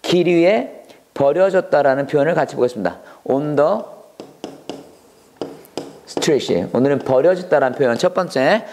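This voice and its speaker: A man's voice: on the high side, measured pace, pauses often, darkish tone. A man teaching English vocabulary in an online lesson, drilling words by repeating them and asking rhetorical questions.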